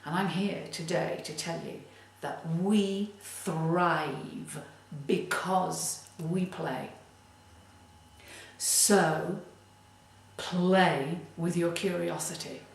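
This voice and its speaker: A woman giving a motivational tip as a creativity coach, speaking in a deliberate, emphatic way. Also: on the low side, gravelly. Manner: slow, deliberate, emphatic delivery. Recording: very echoey room, distant mic.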